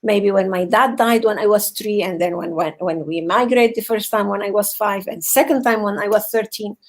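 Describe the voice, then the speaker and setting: A woman from Venezuela who works as a psychotherapist, giving a heartfelt motivational talk over a video call in an earnest, halting way, often repeating words as she searches for phrasing. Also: medium pitch, fairly even intonation, rough recording. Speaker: psychotherapist, guest speaker.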